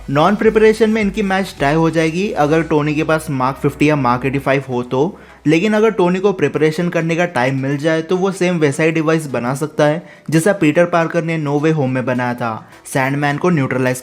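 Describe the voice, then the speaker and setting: Brisk male explainer host, a touch high-pitched, scripted Q&A delivery over soft background music.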